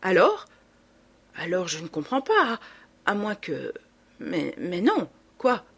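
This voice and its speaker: A sorrowful, resigned young noblewoman, voiced by a woman reader, hesitant and flustered, stumbling over her words. Slightly husky tone with a lively pitch. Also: takes it slowly, exaggerated voice.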